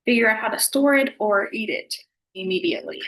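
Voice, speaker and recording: A soft-spoken woman chatting casually in a food vlog, talking at a low volume. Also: brisk, rough recording. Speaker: vlogger.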